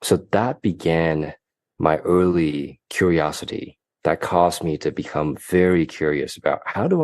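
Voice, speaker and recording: A man from Hong Kong, a guest coach, answering interview questions in a measured, explanatory way with occasional restarts. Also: a bass voice, a little mellow, no room sound. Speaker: guest, mind-performance coach.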